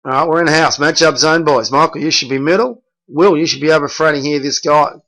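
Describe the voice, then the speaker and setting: A man's voice: a little high, brisk, background noise. A middle-aged man, a basketball coach reviewing game film and bluntly correcting his players by name.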